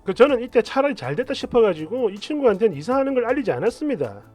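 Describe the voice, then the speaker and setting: A male storyteller recounts a tale in a chatty first-person style. His voice sits fairly high and moves a lot in pitch. Soft music plays quietly behind him. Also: very animated, fast. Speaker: story narrator. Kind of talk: storytelling narration. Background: soft background music.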